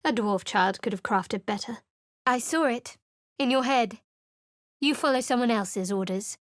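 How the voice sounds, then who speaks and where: A woman with a fairly high, natural voice speaks unhurriedly in a dry recording, delivering game voice lines as a video game character. She voices a guarded, sardonic young cleric adventurer, wry in mood, with a dry, cutting delivery.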